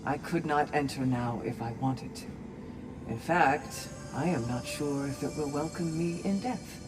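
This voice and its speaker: Over music, a low-pitched female voice performs as a valkyrie in a video game, solemn and calm yet gentle and resolute. Her dramatic delivery is measured and earnest, broken by deliberate pauses, in a recording with long, echoey reverb and faint background noise.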